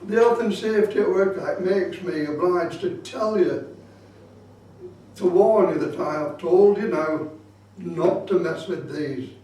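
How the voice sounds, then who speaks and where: A man with a high-sitting, dark-toned voice speaks at a measured pace during an informal, hands-on club talk. He explains things and insistently repeats his safety warnings, recorded from a distant microphone in a very echoey room.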